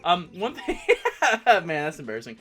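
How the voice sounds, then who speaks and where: A woman's voice: fairly low pitch, big pitch swings, moderate pace. A woman casually commenting on a game as she plays, chatty and self-mocking. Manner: chatty, laughs at herself. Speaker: let's play host. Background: faint game music.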